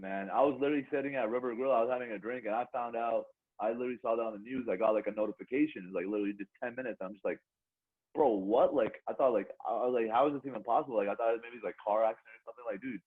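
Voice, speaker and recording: A man's voice: lowish voice, very fast, breathy edge, narrow, tinny audio. A young man co-hosting a podcast in casual banter, very slangy, constantly dropping bro, man and like. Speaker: podcast co-host.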